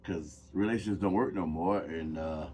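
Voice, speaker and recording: A man co-hosting a podcast, talking in a relaxed, loose, conversational way. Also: low-pitched, moderate pace, a little hiss or hum. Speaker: podcast co-host. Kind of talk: casual chat.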